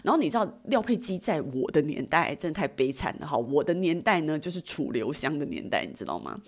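Fast, husky woman telling stories. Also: sits low. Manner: animated, chatty, self-mocking. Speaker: podcast host. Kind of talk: personal storytelling.

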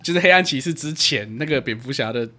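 Fast, blunt man. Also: mid-range voice, lively intonation, bright, forceful tone. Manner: quick, blunt, teasing, swears casually. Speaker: podcast co-host. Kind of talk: casual chat about movies.

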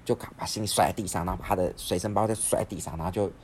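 A young man, hosting a podcast and telling a story in a rapid, rambling way with frequent restarts. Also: low voice, steady tone, a little mellow, a little hiss or hum. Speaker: podcast host. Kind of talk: casual storytelling.

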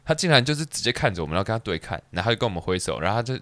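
Male podcast host, fast animated storyteller, bright tone. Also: on the low side, dry recording. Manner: animated storyteller, quick restarts, laughs at his own story. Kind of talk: casual chat, telling a personal story.

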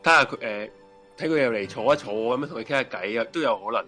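A man with a Hong Kong Cantonese accent co-hosting a casual true-crime chat, offering tentative theories in halting, slangy speech. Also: mid-range voice, animated, sharp tone, faint music behind. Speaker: podcast co-host.

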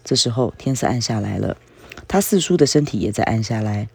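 A man reading a novel aloud as the narrator, in a steady, unhurried way. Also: on the low side, gravelly, slightly rough. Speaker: reader.

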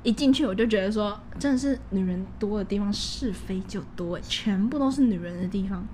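A woman's voice: medium pitch, brisk, darkish tone, a little hiss or hum. A woman in her twenties with a Taiwanese accent, co-hosting a podcast and telling anecdotes in a playful, casual way. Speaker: podcast co-host.

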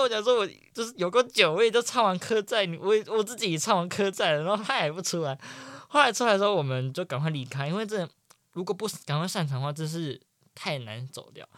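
Young guy rambling through a story, kinda high voice, gets loud then drops to a mumble, super dry close mic. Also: no room sound. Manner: animated, chatty, jumps between loud excitement and quiet mumbling. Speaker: podcast host. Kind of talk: casual storytelling monologue.

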